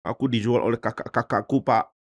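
A humble, faithful young slave answers meekly and politely, as a man voices him. It is a plain, gentle children's storybook telling. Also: medium pitch, steady tone, brisk, pitched below the performer's own voice, natural voice. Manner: meek and polite.

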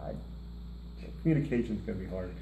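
This middle-aged man chats fast and expressively as co-host of a music reaction show, rambling with joking asides in casual conversation. His fairly low voice is mellow. He sits at a table before a lit curtain indoors, and the roomy recording has faint hiss.

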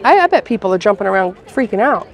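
A woman's voice: mid-range voice, big pitch swings, fast, some chatter behind. A woman reviewing food outdoors at a festival, chatting casually with plenty of filler words. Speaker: food vlogger.

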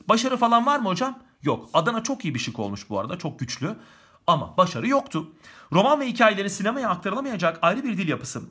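A man's voice: high-pitched, sharp tone, breathy edge. A man teaching an exam-prep lesson, talking chattily and addressing the viewer directly as he works through questions.

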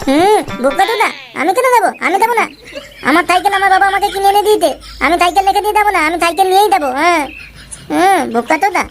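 Brief: woman as a bratty cartoon kid, very high and fast, whiny and insulting. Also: faint music behind. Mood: defiant. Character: cheeky defiant little boy, rude and stubborn. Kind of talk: cartoon voice dubbing.

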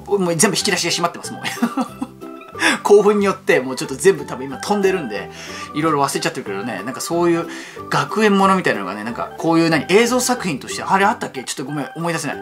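Excitable rapid-fire male fan host. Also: a little high, music in the background. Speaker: YouTube fan channel host. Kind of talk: excited reaction commentary.

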